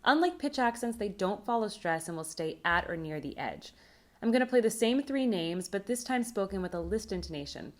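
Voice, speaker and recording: Measured woman giving a linguistics talk. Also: medium pitch, animated. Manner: clear, measured, explanatory. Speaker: linguistics conference presenter. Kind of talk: recorded academic talk.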